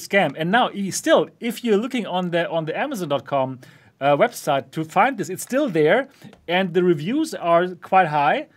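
A man with a notably high speaking voice hosts a relaxed tech chat. He keeps breaking into laughter between points, and the talk stays loose and conversational. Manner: laughs often while talking. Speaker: host of a VR channel. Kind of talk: casual podcast chat.

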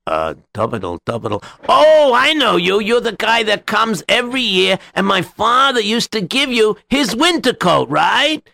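A man's voice: sits high, sing-song, moderate pace, creaky, hardly any pauses, sharp tone, no room sound, clean studio sound, pitched above the performer's own voice, exaggerated voice. A man voicing a kind, trusting young man who stammers and hesitates as he talks. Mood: flustered.

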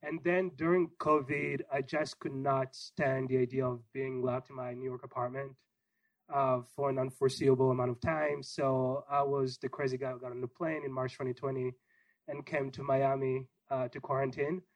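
A young man raised in Israel, answering interview questions in a relaxed, rambling way with many fillers. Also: medium pitch, normal speed, no echo, rough recording. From Congo, raised in Israel. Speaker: gallery owner guest.

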